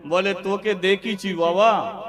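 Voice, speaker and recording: High-voiced man preaching in a reverberant hall. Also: steady tone, takes it slowly, fairly bright tone. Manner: preaching to a seated audience, half-sung phrases. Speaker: kirtan singer and preacher. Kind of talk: devotional sermon with storytelling. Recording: long hall reverb with music. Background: instrumental music.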